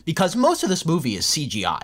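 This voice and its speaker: A man co-hosting a film podcast, giving opinionated, animated reviews in a casual chat. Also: a little high, fast talker. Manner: opinionated, animated, laughs often. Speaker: podcast co-host.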